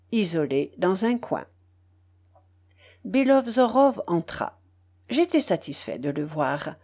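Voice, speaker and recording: A woman narrating a classic novel in an audiobook, in a measured, expressive reading. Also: medium pitch. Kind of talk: scripted literary narration.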